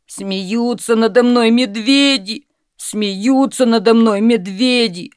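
A woman puts on a big, slow-witted young hunter for a storybook tale, loud and full of himself, drawing out every boast. The delivery is unhurried, and the sound is close and dry. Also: mid-range voice, no room sound, close to an everyday voice. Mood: indignant. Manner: loud, eager, drawn-out exclaiming.

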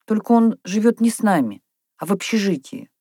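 A woman reading aloud, voicing a shy, quiet, bookish young girl who speaks timidly. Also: medium pitch, big pitch swings, fairly quick, slightly rough, dry recording, clean studio sound, voice pushed up. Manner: timid, soft-spoken.

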